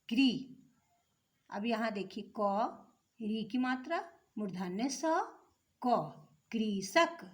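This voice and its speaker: A woman's voice: high voice, fairly bright tone. A woman teaching young children in a patient classroom manner, asking simple questions and repeating each step. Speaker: primary school teacher. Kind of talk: slow classroom explanation of letters.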